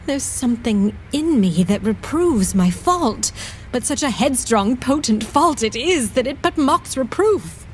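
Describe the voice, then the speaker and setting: Woman playing slow, lovelorn Olivia. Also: a little high, lively intonation, slight background noise. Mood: ardent longing. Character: lovelorn, proud noblewoman Olivia, pleading and ardent. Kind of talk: Shakespearean audio drama acting.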